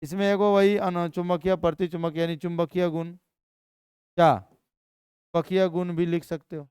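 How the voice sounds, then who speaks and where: A man teaching chemistry in a live class, energetic and constantly quizzing his students. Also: high voice, moderate pace, clear, resonant tone, dry recording, studio quality.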